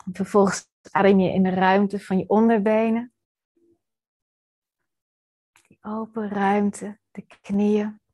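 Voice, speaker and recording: A woman leading a guided body-scan meditation in a soft, calm, soothing voice, leaving pauses between short instructions. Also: mid-range voice. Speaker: meditation teacher.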